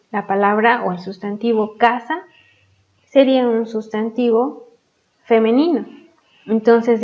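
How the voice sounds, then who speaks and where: A woman teaching English grammar, explaining patiently and pronouncing example words slowly and clearly. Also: a little high. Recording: dull lo-fi sound.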